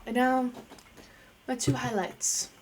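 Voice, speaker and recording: A woman's voice: fairly high pitch, level tone, slow pace, a little mellow, a little hiss or hum. A young adult woman giving an unscripted casual review as a vlogger, chatty and playful, talking with lots of fillers.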